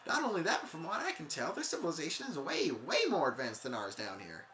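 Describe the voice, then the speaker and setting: A gamer doing an excitable male rock creature who drawls like a surfer with a hillbilly twang, leaning on every "bud." The voice runs bright and swoops all over the place, and it bounces around an echoey room. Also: mid-range voice, quick pace, a little hiss or hum. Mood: laid-back. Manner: calls the listener "bud".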